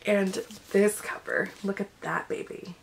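A woman's voice: mid-range voice, fairly even intonation, unhurried, gravelly, a little hiss or hum. A young woman chatting casually to camera at home in a gushing, effusive way, as a vlogger showing off books. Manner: gushing, effusive about what is shown. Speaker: book collector vlogger. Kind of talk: casual unboxing chat to camera. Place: small furnished room at home, indoors.

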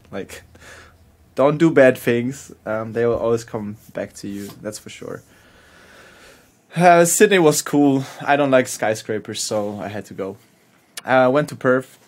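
A man, a chef telling stories as a podcast guest, laughing often and talking in loose slang with casual swearing. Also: medium pitch. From Hamburg, Germany. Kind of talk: casual storytelling.

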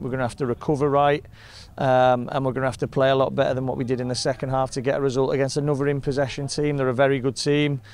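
A man, a football manager giving a measured, frustrated post-match interview outdoors. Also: mid-range voice, a little mellow, smooth. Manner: measured, frustrated, plain-spoken. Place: outdoors in front of a sponsor board.

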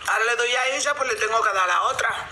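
A woman's voice: a little high, very fast, sharp tone. Andalusian woman chatting while chewing. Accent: Andalusian Spanish. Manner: chewing while talking, eating spaghetti. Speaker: livestream host. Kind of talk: casual livestream chat. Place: home dining area, indoors. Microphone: phone at arm's length. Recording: clearly noisy phone livestream.

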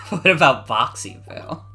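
A mid-pitched, androgynous game streamer with lively, swooping delivery. The voice is bright and forceful, exclamatory and casual, talking to viewers with faint music behind. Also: unhurried. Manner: animated, exclamatory, casual swearing. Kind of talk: casual live-stream chat and game commentary.

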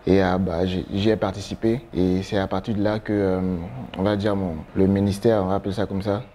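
Man, twenties, Ivorian French accent, relaxed interview talk, dark warm tone, light background noise. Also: low-pitched, fairly quick. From Côte d'Ivoire. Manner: relaxed, gestures a lot while talking, frequent fillers. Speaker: gospel rapper guest. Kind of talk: interview answers. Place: studio with branded backdrop, seated.

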